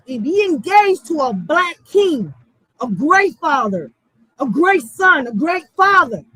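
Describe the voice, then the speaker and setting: A woman of Puerto Rican background, a channel host, delivers a heated, profane monologue in a high, fairly bright voice. She's blunt and emphatic, uses street slang, and repeats phrases for stress, and the recording is rough but has no echo.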